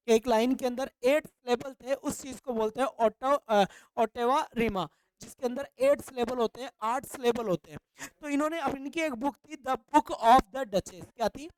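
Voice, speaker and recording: A woman's voice: high-pitched, a little mellow, poor audio. A woman teacher giving an exam-prep literature lecture when she speaks English, repeating key points and asking the listener questions.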